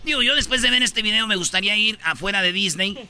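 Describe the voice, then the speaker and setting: A man's voice: high-pitched, quick pace, clean tone, faint music behind. A man with a Mexican accent telling news stories as comic banter on a radio show, full of slang. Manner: joking, animated storyteller with slang.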